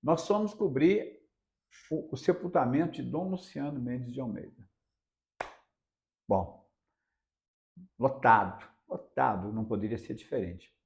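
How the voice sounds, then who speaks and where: A man's voice: medium pitch, measured pace, creaky, pauses often. A man, a radio reporter from Minas Gerais, telling stories in an interview with emphatic, repeated phrases and a Minas Gerais accent. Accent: Brazilian Portuguese, Minas Gerais. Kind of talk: casual interview storytelling.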